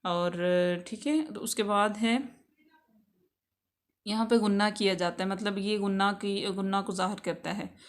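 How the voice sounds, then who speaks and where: A woman teaching Quran recitation rules in a patient, measured way, repeating words to demonstrate them. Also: mid-range voice. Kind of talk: tajweed lesson, explaining then reciting.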